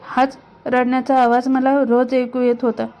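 A woman's voice: sits high, monotone, moderate pace, a little mellow, lightly acted. A woman doing a frightened young college girl. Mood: bewildered. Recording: dull lo-fi recording.

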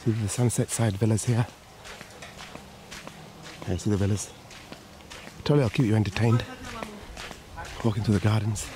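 A Sri Lankan man gives a chatty walking tour of outdoor resort garden paths, filming on a handheld camera he holds from behind and often saying things twice. His voice sits fairly low and steady, at normal speed with long pauses, and clear background noise runs underneath.

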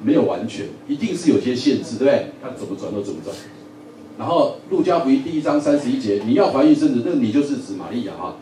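In a church hall, a man teaches a sermon-style Bible lesson for Sunday school, lively and fast, often questioning the audience, repeating words and joking. His pitch is medium, with slight background noise, faint ambience, and an echoey, distant recording.

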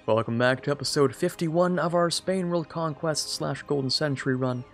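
Over soft background music, a young man with a slightly high voice keeps a moderate pace while commenting on his strategy game let's-play. His voice sounds a little strained as he chats, jokes at his own expense, and addresses the computer opponents.

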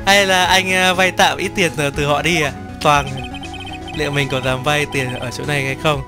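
A man streaming a game in casual chat, reading the dialogue aloud in playful voices, excitable and quick to swear and laugh between lines. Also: on the high side. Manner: reads each character's lines in playful voices and comments between them. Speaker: gameplay streamer. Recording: game music behind the voice.

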